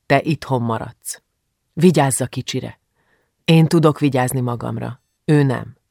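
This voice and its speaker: A man's voice: gravelly, darkish tone, dry recording, studio quality. A man doing a stern angry father. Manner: stern, rumbling, commanding. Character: stern, angry middle-aged father, protective.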